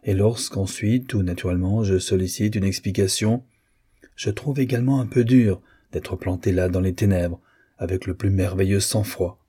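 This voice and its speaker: A resigned young nephew, read by a man narrating an audiobook, speaking politely with a dry, ironic restraint. The voice is low, dark and husky. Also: normal speed. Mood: aggrieved. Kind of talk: audiobook character reading.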